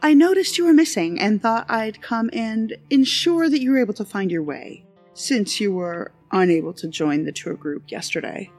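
A graceful, composed dorm mistress, voiced by a male storyteller, gentle and reassuring. Her voice is lifted high above his own. Faint music plays underneath. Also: animated, moderate pace. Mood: gently reassuring.

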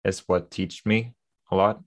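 A young Swedish man with a light, Americanized Swedish accent chats casually as a podcast guest, pausing on many fillers. His low-pitched voice keeps a steady tone.

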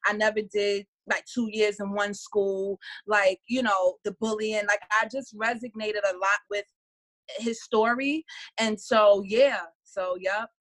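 A woman in her late twenties with a New York accent, a guest chatting in an interview who laughs often and talks in animated, trailing bursts. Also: mid-range voice, measured pace. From Harlem, New York. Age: late 20s. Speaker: guest, artist. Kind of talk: casual interview chat.

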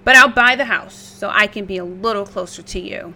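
A woman's voice: mid-range voice, brisk, pushed and bright, slight background noise. Red, a woman doing a curt, stubborn pig. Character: grudging, stubborn grown male pig.

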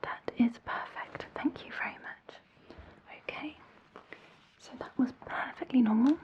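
Female ASMR whisperer, gentle, reassuring, fairly high pitch, very close mic. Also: dull audio. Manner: soft, slow, reassuring instructions. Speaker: ASMR roleplay hearing examiner.

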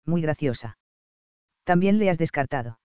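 A man's voice: fairly high pitch, animated, normal speed, warm tone, clear, resonant tone, no echo, highs cut off, natural voice. A man voicing a chatty, teasing middle-aged mother in an audiobook. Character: cheerful, meddling middle-aged mother on a ranch.

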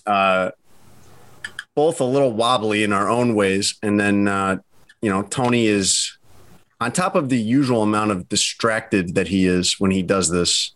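A man's voice: on the low side, a little slow, a bit bright. A man hosting a casual sports podcast, rambling and restarting his sentences, tired from early mornings, with dry jokes. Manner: rambling, self-interrupting, dry joking. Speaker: podcast host.

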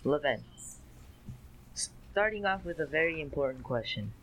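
A man's voice: a little high, expressive, a little slow, a bit bright, slight background noise, rough recording. A teenage boy co-hosting a podcast over a video call, teasing and giggly. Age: teens. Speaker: podcast co-host. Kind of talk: casual chat.

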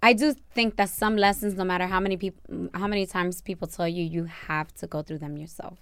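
A woman's voice: on the low side, fairly even intonation, a little fast, clear, resonant tone, dry recording. A young woman co-hosting a podcast, talking candidly and bluntly in casual chat, often laughing. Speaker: podcast co-host.

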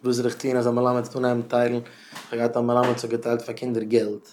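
Impassioned rabbi, murmurs to bursts. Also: male voice, completely flat delivery, moderate pace, a little hiss or hum. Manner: swings from low murmurs to loud impassioned bursts. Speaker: rabbi giving a talk to educators. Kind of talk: Yiddish chizuk talk.

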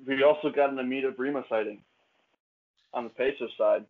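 A man's voice: medium pitch, fairly even intonation, brisk. A man co-hosting a casual sports podcast, laid-back and filling his talk with frequent uh's. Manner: laid-back, lots of uh fillers. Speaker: podcast co-host. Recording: tinny phone-like line.

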